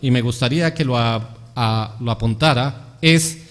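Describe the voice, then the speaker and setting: A man's voice: medium pitch, normal speed. A man, a pastor, preaching a sermon and putting rhetorical questions to his congregation. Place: church hall. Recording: long hall reverb.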